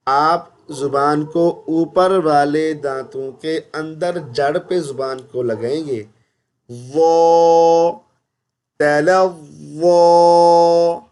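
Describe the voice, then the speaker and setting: A man teaching Quran pronunciation, asking and answering his own questions and reciting verses slowly and drawn out. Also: on the high side. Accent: Pakistani. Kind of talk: recitation lesson.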